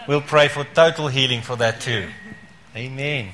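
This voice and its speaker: Amid heavy background noise, a medium-pitched man leads a church meeting in a casual way, calling for testimonies and lifting people up with praise he repeats again and again.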